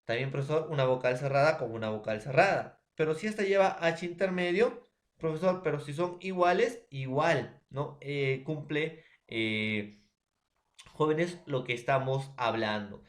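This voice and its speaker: A man's voice: fairly high pitch, unhurried. A man with a Peruvian Spanish accent teaching a recorded grammar lesson, often checking in with his students. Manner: addresses students as jóvenes, checks with ¿ya?.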